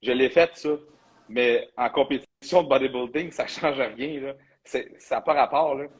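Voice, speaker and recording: Husky Quebec man hosting casual chat. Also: medium pitch, moderate pace, poor audio. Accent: Quebec French. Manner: loose and talkative, sprinkles in English slang. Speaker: bodybuilding coach and host.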